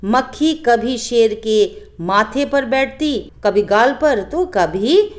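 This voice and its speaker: A woman teacher with a slightly high voice and slow pace explains a children's story lesson. She tells the story in an animated way and often turns to ask her pupils questions.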